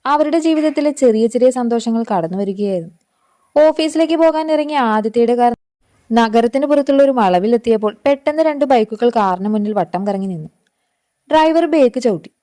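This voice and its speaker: A woman narrating a scripted family story in a steady, measured way. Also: fairly high pitch.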